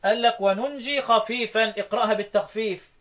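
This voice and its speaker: An Egyptian man teaching Quran recitation, quizzing his students and slowly chanting verse lines between his explanations. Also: sits high, a bit bright. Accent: Egyptian Arabic. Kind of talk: interactive classroom lesson.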